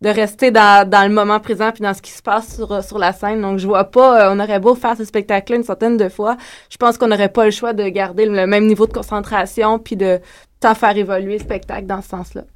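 Female dance performer, medium pitch, explaining conversationally in a radio studio. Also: level tone, fairly quick. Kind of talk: casual radio interview.

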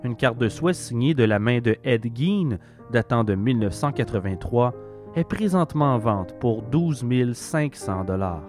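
A Québécois host narrator delivers scripted documentary narration in a mid-pitched, darkish voice. He speaks reflectively at a moderate pace, his pitch moving animatedly up and down, over faint guitar music.

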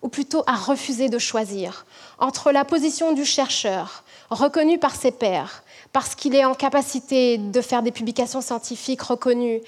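A high-pitched woman from French Guiana delivers a prepared talk as a management professor. She speaks in a measured, reflective way and slows down to stress key points.

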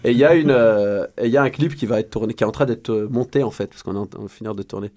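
A man's voice: fairly low pitch, very fast, darkish tone. A man hosting a comic radio show, bantering with guests and introducing segments.

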